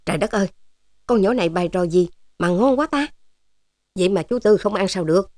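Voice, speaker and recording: A woman's voice: mid-range voice, lively intonation, fairly quick, a little mellow, dry recording, clean studio sound, close to an everyday voice. A woman voicing a jovial, teasing older male resistance officer in a storybook. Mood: fatherly. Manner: teasing, fatherly, joking.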